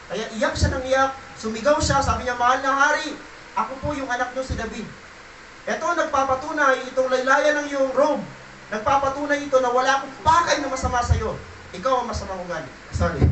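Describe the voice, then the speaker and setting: A man preaching a sermon in an animated way, swinging from loud bursts to quiet, low stretches. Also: echoey room, recorded from a distance, background noise. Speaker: pastor.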